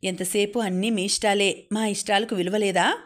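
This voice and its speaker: A woman voicing a stubborn, resentful young adult son in a storybook reading, talking quickly and insistently. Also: mid-range voice, steady tone, lightly acted.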